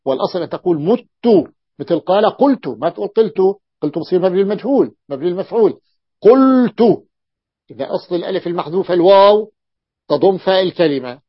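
A male sheikh with a somewhat high voice leads a grammar lesson. He goes over each rule twice and lingers on the example words. The recording is dull, lo-fi and dry. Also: dry recording. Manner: repeats points, stretches example words, asks students to notice. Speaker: sheikh teaching Arabic morphology. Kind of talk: classroom lesson.

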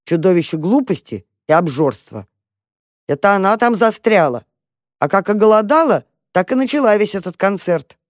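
Storyteller as bold little mouse, curious, bossy, brisk, children's storybook, dry voice. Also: medium pitch, dry recording, pitched above the performer's own voice, natural voice. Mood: eager, impatient. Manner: lively, bossy, impatient. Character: brave curious young male mouse.

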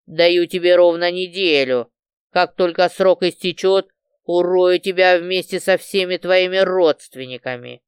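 A furious, crude male gangster snarls threats and insults, as a woman narrator puts him on. The voice is dropped lower and pushed loud. The reading is smooth, clear and dry. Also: measured pace, no echo. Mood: angry threats. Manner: snarling, swearing.

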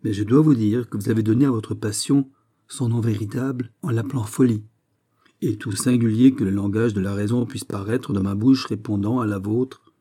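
A proud opera singer from a storybook answers with measured, dry irony. A man reads her in a dark, mellow, slightly husky voice. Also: medium pitch, close to an everyday voice. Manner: measured, dryly ironic. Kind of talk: read-aloud story.

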